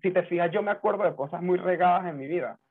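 Man guest on a tinny phone line, somewhat high, husky, thoughtful storyteller. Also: fast talker. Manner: reflective, tells personal anecdotes. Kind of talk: casual conversation.

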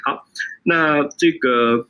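一位来自台湾的男主持人，边喝酒边轻松地提问，句中常带“呃”“啊”。. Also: male voice, a little high, drawn-out words, clear, resonant tone, highs cut off. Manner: relaxed, drinking while talking, fillers. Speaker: podcast host. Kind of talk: casual interview.

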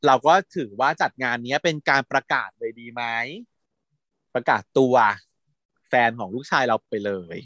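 A man's voice: medium pitch, moderate pace, a bit bright, no echo, lightly acted. A man voicing a proud, indulgent middle-aged father from a TV drama, in a smug, teasing way close to his own voice.

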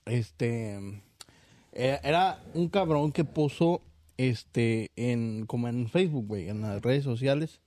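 A man's voice: mid-range voice, slow, mellow, no room sound. A man with a Mexican Spanish accent telling a crude joke among friends in a rambling, slangy way, often laughing. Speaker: joke teller. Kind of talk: crude casual chat.

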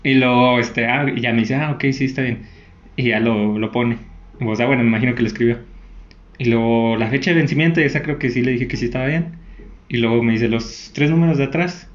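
A young man with a Mexican accent, casually telling a story in a deadpan way. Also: mid-range voice, fast. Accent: Mexican Spanish. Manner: deadpan anecdote telling, mimics voices in quotes. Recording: roomy muffled recording.

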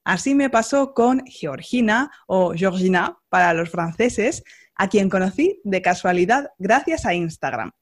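A woman from Spain, hosting a podcast and interviewing a guest in a friendly, measured way. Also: mid-range voice, animated. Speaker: podcast host.

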